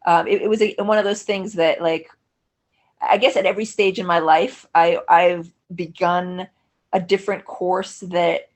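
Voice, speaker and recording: In a relaxed podcast interview, a middle-aged woman whose first language is Russian speaks unhurriedly in a fairly low voice with fairly even intonation. Reflective in manner, she corrects herself, restarts frequently, and leans on fillers.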